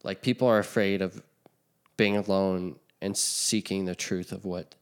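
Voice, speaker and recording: A man's voice: low-pitched, fairly even intonation, a little slow, clear, resonant tone. A man co-hosting a podcast, talking in a loose, rambling way with many fillers and restarts. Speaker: podcast co-host. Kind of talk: casual chat.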